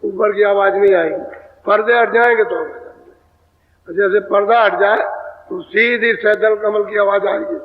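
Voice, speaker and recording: A man giving a devotional sermon, explaining verses slowly and repeating phrases as he teaches. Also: high voice, fairly even intonation. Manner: slow, repetitive expository preaching, prompting chanters. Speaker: spiritual teacher giving satsang. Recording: echoey hall over a tinny lo-fi line.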